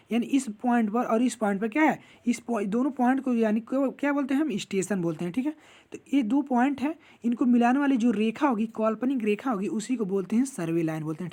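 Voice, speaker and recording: A man's voice: very high-pitched, a little mellow. A man teaching an online classroom lecture, explaining step by step and checking in with "ठीक है" after almost every point.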